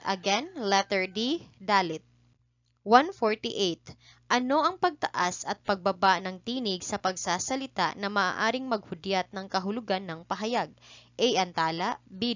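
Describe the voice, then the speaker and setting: A woman's voice: mid-range voice, a bit bright, no room sound, muffled recording. A woman teacher with a Filipino accent reads review quiz questions and answers aloud, repeating each answer twice in a polite tone. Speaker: teacher running an exam review.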